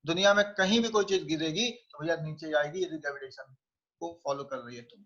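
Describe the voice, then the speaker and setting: A man's voice: a little high, fairly quick, a bit bright, muffled recording. A man teaching physics, conversational and often checking that students follow. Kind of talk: online class lecture.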